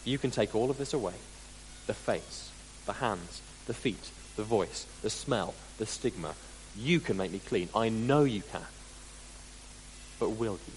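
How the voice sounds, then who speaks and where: A man voicing a hoarse, pleading leper. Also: fairly low pitch, animated, unhurried. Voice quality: hoarse, gravelly. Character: desperate outcast male leper pleading for healing. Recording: long hall reverb, faint hum.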